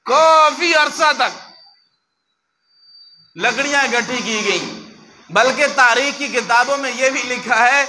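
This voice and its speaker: A man preaches with a very high voice, telling a religious story and giving the quoted figures voices of their own. His sermon style is vivid and theatrical. A steady hiss of background noise runs under the recording. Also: slow, pauses often, rough recording. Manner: acts out quoted speakers in changed voices. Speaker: mufti preacher.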